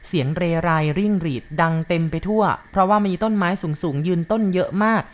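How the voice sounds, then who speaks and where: A woman reading a ghost story aloud in a steady, unhurried storytelling manner. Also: on the low side.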